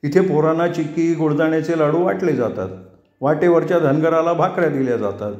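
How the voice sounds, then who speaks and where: A man voicing a hot-tempered middle-aged farmer uncle who nags and shouts sarcastically, in a storybook reading. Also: a little high, fairly quick, highs cut off, natural voice. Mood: sheepish grumbling. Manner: loud, nagging, sarcastic. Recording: roomy echo.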